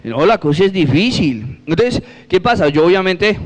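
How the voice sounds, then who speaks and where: A man shares his religious testimony with an audience in a fairly high voice. He tells it like a lively story, acting out each conversation and keeping it light with humor. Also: moderate pace. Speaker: speaker giving a religious testimony.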